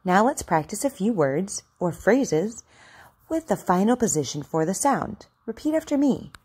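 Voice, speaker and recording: A woman's voice: mid-range voice, very animated, a little slow, a little mellow, breathy edge. A woman speech instructor explaining practice steps directly to learners.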